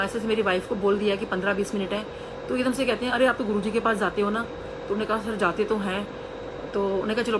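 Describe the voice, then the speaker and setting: A medium-pitched woman shares an earnest personal testimony with a congregation as a devotee, acting out the voices of the people she quotes. Background noise can be heard.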